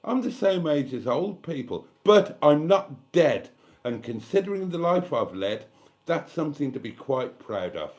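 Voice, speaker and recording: A man's voice: a little high, very animated, a little slow, darkish tone. Blunt, sweary man in his fifties. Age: 50s. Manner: blunt, candid and sweary, rambling asides. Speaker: livestream host. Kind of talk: casual live-stream chat reading comments.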